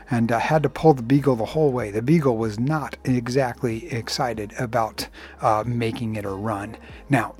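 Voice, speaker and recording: A man in his forties hosting a casual solo podcast, talking in a relaxed, rambling way with filler words, recorded inside a small clothes closet at home. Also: mid-range voice. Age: 40s. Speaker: podcast host.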